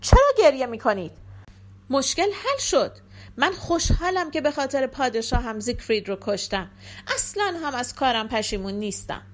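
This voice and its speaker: A woman's voice: high voice, lively intonation. A woman doing a ruthless, angry warrior. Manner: angry, sullen. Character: grim ruthless male warrior, cold and unrepentant.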